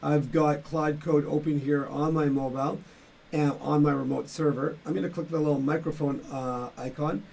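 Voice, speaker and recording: A middle-aged man casually walking through a demo of his own software tool, explaining step by step with a few fillers. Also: on the high side, fairly even intonation, moderate pace, vocal fry, a little hiss or hum. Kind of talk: casual tech demo walkthrough.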